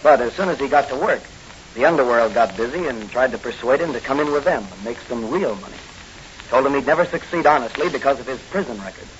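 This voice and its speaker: An actor with a mid-range, expressive voice speaks fast and close to everyday speech as an earnest young rookie policeman who secretly fights crime, in 1940s radio drama style. He sounds earnest and concerned, and the old radio recording is hissy and dull.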